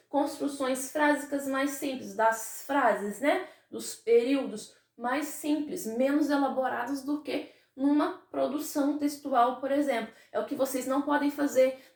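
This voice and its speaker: A Brazilian woman teaching a class, her voice sitting high. She explains patiently and keeps checking that the pupils follow. The room is roomy and echoing around her. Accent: Brazilian Portuguese. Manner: explains with questions and tag words to pupils. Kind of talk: classroom lesson.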